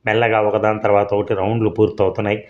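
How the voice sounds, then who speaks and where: A man reading out a story in a steady, even way. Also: fairly low pitch, fast talker, highs cut off. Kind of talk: scripted story narration.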